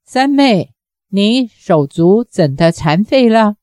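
A woman's voice: medium pitch, lively intonation, slow, darkish tone, no echo, clean studio sound. A woman voicing an old male monk, a former fighter, who mutters in confusion over revenge. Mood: troubled. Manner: muttering, troubled.

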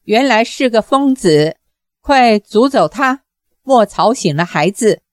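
一位女性朗读者演绎一个冷傲的女反派，说话不屑而简短。. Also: female voice, fairly high pitch, expressive, slow, no room sound, clean studio sound. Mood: scornful. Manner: disdainful, curt. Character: cold, scornful female villain. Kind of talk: audiobook character voice.

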